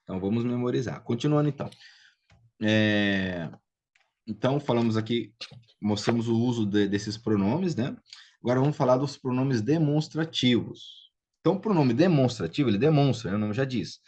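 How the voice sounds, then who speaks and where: A man's voice: medium pitch, moderate pace, a little mellow, highs cut off. A man with a Brazilian Portuguese accent teaching a live biblical Hebrew class, patient and checking in with students as he goes. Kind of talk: live online class, explaining and drilling pronunciation.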